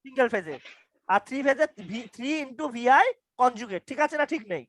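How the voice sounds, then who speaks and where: A man's voice: very high voice, animated, moderate pace, fairly bright tone, no room sound. A young man teaching an online university lecture over a video call. He stammers, repeats his questions and quizzes his students. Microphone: computer mic on a video call.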